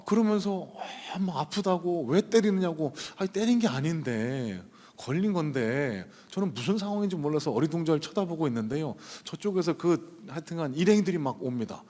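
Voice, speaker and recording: A man's voice: fairly high pitch, a little mellow. A male pastor telling a personal story in a sermon, conversational and full of hesitant fillers, speaking from the pulpit of a church sanctuary. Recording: long reverb of a church hall.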